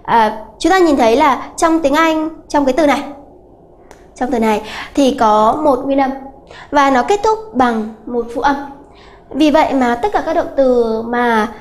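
High-voiced woman teaching grammar. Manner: slow, repetitive explaining with many filler "à" sounds. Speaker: English teacher. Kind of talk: exam-prep grammar lesson.

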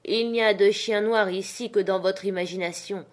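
A brisk country doctor gives orders calmly and waves off alarm, read by a woman narrator. The tone stays matter-of-fact and firm, close to a plain reading voice. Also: mid-range voice, natural voice. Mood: stern.

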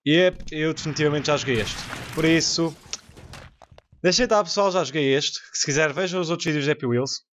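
A young man with a European Portuguese accent, commentating a game excitedly, laughing and swearing often. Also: fairly high pitch, fairly quick, a little hiss or hum. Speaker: gaming YouTuber. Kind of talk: let's play commentary.

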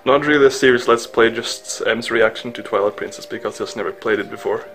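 A man's voice: mid-range voice, fairly quick, a bit bright, soft background music. A man filming his friend playing a game, making offhand joking remarks from behind a phone camera. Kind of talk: casual chat. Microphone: phone camera he holds.

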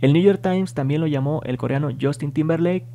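A man reading scripted entertainment news in Spanish-language narration with an even, read-aloud delivery. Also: fairly high pitch, brisk, a little hiss or hum. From Spanish-speaking.

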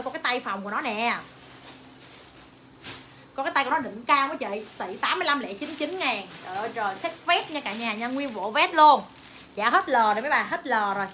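A young woman, hawking clothes on a livestream with rapid, excited calls to viewers and her staff. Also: high-pitched, a little hiss or hum. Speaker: online clothing seller. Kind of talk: livestream sales pitch.

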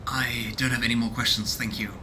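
A man in his thirties hosts a let's play from a small room at home, musing casually and reading game text aloud. His medium-pitched voice has a flat delivery and a slightly quick pace. The noisy recording has video game ambience behind his voice.

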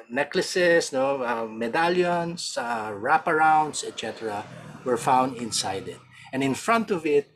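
A Filipino man with a Filipino accent giving an archaeology lecture over slides on a video call, halting often, correcting himself and checking in with "right?". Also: medium pitch, a bit bright. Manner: halting, many self-corrections and tag "right?".

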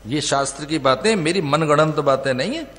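In a reverberant hall with faint music, a spiritual teacher with a north Indian Hindi accent gives a religious discourse at a large venue. He stresses points emphatically with long repeated lists in a rising and falling delivery. His voice is a little high and a bit bright, with lively intonation at a moderate pace.

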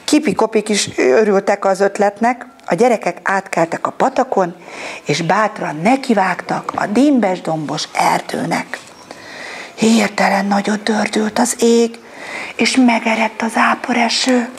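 A woman reading a children's story aloud, animated and switching into different voices for the characters. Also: mid-range voice, slight background noise. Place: kindergarten room.

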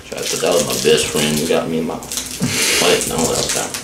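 A man's voice: a bass voice, fairly even intonation, moderate pace, creaky. A man joking casually with friends around a table. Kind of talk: casual group banter. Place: wood-paneled room indoors, around a table. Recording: echoey room, noisy, clicks.

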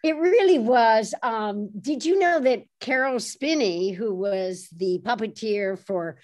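A woman author being interviewed, telling behind-the-scenes stories in a lively, animated way and laughing easily. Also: a little high, slow pace. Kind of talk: anecdotal storytelling in conversation.

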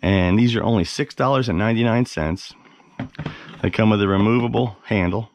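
In a carpeted living room at home, a man with a fairly low pitch and brisk delivery gives an unscripted review for his fishing gear channel. He's enthusiastic and plain-spoken, repeating words for emphasis, and there's a little hiss or hum on the recording.

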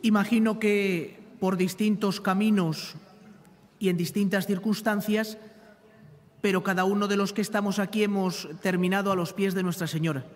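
High-pitched priest, long echo. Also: male voice, fairly even intonation, moderate pace. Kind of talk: homily. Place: large open chapel, lectern microphone. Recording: long reverberant chapel echo.

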